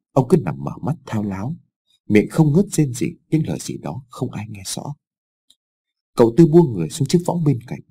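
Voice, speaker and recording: Male audiobook narrator; husky, expressive storytelling. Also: mid-range voice. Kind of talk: scripted narration.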